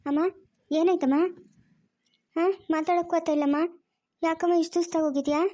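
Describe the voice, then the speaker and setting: A woman's voice: very high voice, steady tone, normal speed, dark tone. A woman voicing a worried grown daughter who pleads with her mother in a cartoon story. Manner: pleading, fretful. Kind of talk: cartoon voice acting.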